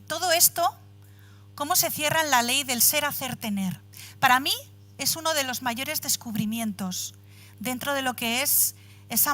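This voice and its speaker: Woman in her 40s doing a motivational talk, bright clear voice, animated storyteller, tosses questions at the crowd. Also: on the high side. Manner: animated storytelling, acts out dialogue; addresses audience directly with rhetorical questions. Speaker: speaker at a women's empowerment event. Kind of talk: motivational talk with personal anecdote.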